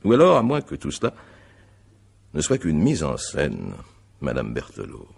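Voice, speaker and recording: In a radio mystery drama, a male actor with a gravelly bass voice plays a stern, methodical examining magistrate. He questions formally and deliberately, giving a full character performance with huge pitch swings and a grave, accusing mood.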